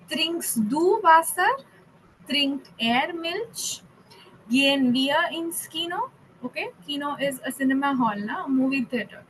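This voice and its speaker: High-voiced woman teaching a language class. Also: fairly bright tone, slight background noise, low-quality recording. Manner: mixes English and German, stresses words slowly, frequent "okay?" checks.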